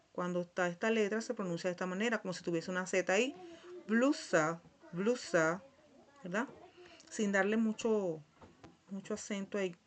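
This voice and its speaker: A woman teaching a Portuguese lesson in Spanish, going through the alphabet letter by letter and often checking in with "¿verdad?". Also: medium pitch. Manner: patient, checks in with frequent "¿verdad?"; spells out letters one by one. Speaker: language teacher. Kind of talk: slide-based Portuguese lesson for Spanish speakers.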